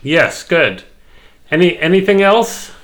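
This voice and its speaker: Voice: mid-range voice, expressive, slow, a bit bright. Playful podcast host on a call. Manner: chatty, playful, hesitant restarts. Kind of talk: casual chat.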